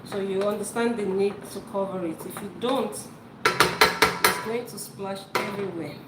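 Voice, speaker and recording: Here a woman of medium pitch talks at a measured pace while hosting a live cooking show from her own kitchen; Yoruba is her first language. She's chatty, repeats words and keeps talking as she cooks, in an echoey room full of loud noise.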